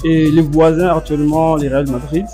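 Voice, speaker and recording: A man's voice: on the high side, flat delivery, moderate pace. A man interviewed at a football viewing, talking with confidence about his team. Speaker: fan interviewed. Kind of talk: casual interview answers. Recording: music loud behind. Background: music.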